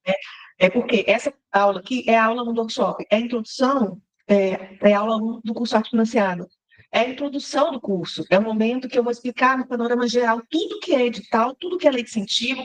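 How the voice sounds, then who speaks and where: A woman, teaching a live online class. She talks quickly and keeps up a chatty, encouraging flow, often checking in with her listeners through a video-call microphone. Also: medium pitch. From Minas Gerais, Brazil. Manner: chatty and encouraging, with frequent tag questions to the class. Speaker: workshop instructor and cultural producer.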